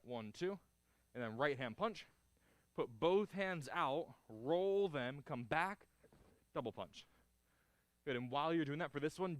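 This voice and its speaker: Low-voiced man teaching a karate class. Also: no echo. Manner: short clipped cues and counts between encouraging feedback. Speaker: martial arts instructor. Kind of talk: hands-on karate class instruction, demonstrating moves aloud.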